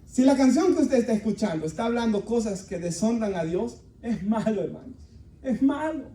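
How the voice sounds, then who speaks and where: A man's voice: high voice, lively intonation, a little fast, warm tone. A male pastor preaching earnestly to his congregation, speaking. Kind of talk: sermon. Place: church hall. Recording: echoey room, voice from far off.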